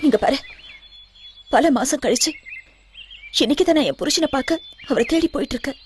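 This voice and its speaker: A woman's voice: high-pitched, a little fast, a little mellow, slight background noise, natural voice. A woman playing a desperate kidnapped wife. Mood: pleading. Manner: pleading, defiant. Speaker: kidnap victim in a TV serial. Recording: music score behind.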